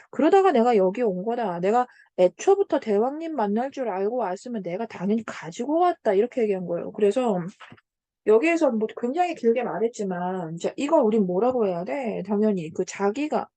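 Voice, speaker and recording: A woman's voice: a little high, no room sound. A woman tutoring Korean literature, walking through exam answers in a chatty way and checking in with her students as she goes. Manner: chatty, checks in with "right?" and "got it?"; retells story lines in a lively voice.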